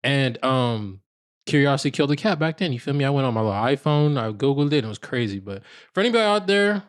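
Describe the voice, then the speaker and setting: A man's voice: medium pitch, expressive, quick pace, clear, resonant tone. Laid-back teasing man co-host. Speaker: podcast co-host. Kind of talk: casual banter about fashion and basketball.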